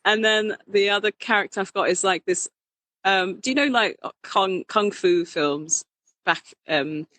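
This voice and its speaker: A woman drag king performer chatting casually in an interview, animated and quick to laugh, often restarting her sentences. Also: medium pitch, no echo, poor audio.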